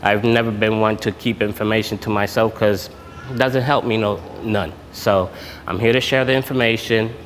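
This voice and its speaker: A man, a military veteran giving an informal talk at a networking event, halting and full of filler sounds. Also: fairly low pitch, steady tone. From Puerto Rico. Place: event room. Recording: echoey hall with background noise.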